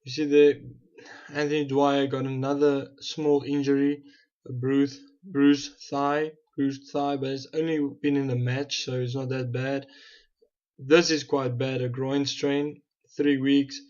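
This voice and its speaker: Medium in pitch and level in tone, this young man speaks at a measured pace with a slightly mellow quality, over lo-fi sound. He has a South African accent and gives casual commentary on his football management game for his channel, thinking aloud and frequently correcting himself.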